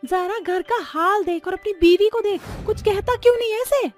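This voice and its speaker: A shrill, haughty mother-in-law from a cartoon story, voiced by a woman. The voice sits very high and nags sharply, with soft music running underneath. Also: moderate pace. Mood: scolding. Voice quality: shrill, scolding.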